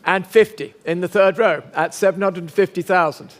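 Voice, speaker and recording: A man's voice: high-pitched, steady tone, moderate pace. A man working as an auctioneer, calling and repeating bids in a polite, formal way as he coaxes bidders. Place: large auction sale room.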